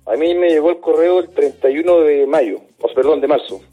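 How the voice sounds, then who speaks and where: A man, a dismissed youth care worker, answering in a radio interview in an earnest, halting way, often repeating words. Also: fairly high pitch, slightly rough, phone-quality sound, soft background music.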